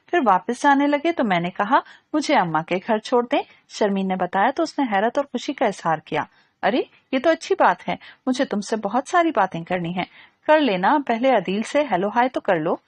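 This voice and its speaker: A woman's voice: fairly high pitch, dry recording. A woman narrating an audio novel and reading all the dialogue in her own voice.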